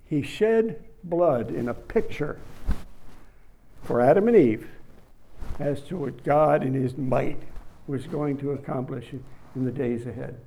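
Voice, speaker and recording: A man preaching a sermon, reading scripture slowly and rising to emphatic bursts on key words. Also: mid-range voice, creaky, warm tone, poor audio.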